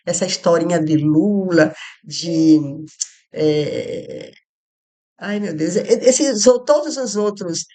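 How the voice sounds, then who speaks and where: Speaking slowly in a low voice with a Northeastern Brazilian Portuguese accent, a woman from Rio Grande do Norte gives a casual Bible study talk. The setting is her home rather than a studio, with traffic outside and soft music behind; she wanders into asides, filling with fillers and restarts.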